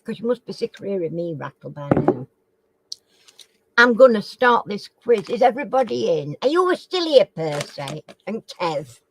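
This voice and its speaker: A live chat quiz host reads out the questions and repeats them in casual talk, with slightly slurred, toothless articulation. Her medium-pitched voice is animated and moderately paced, set against a noisy background.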